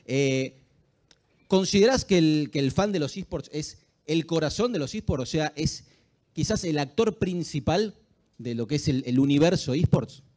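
A man with an Argentine accent moderating a live conference panel in a halting way, often repeating words. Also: a little high, lively intonation, darkish tone. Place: large auditorium stage, indoors. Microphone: handheld microphone.

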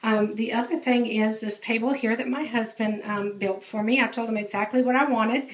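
Filming with a handheld camera whose mic is off screen, a home organizing vlogger casually walks through her laundry room, stumbling into many ums and restarts. She speaks on the high side at normal speed with fairly even intonation, her voice echoing off the small tiled walls.

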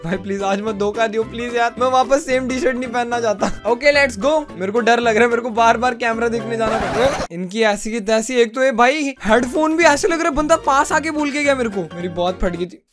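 A man's voice: extremely high pitch, fairly quick, hardly any pauses, over music. A young man with an Indian accent giving joking, self-mocking commentary while playing a game, mixing English into his talk. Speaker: gaming YouTuber. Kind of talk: casual gameplay commentary.

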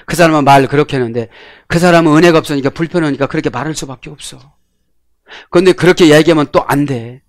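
A male pastor preaching a sermon, swinging between loud exclamations and quiet asides. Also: fairly high pitch, fast, dry recording, clean studio sound.

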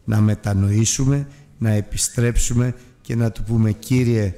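A man's voice: on the low side, fairly even intonation, mellow. A man preaching a Sunday sermon, emphatic, asking rhetorical questions and drawing out key words.

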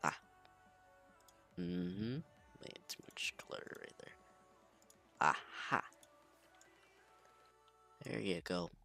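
A man hosting casual gameplay commentary at home late at night, talking quietly and half-whispering into a close microphone. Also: deep voice, very slow, creaky, long pauses, faint music behind. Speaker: gaming channel host. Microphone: desk microphone close to the mouth.

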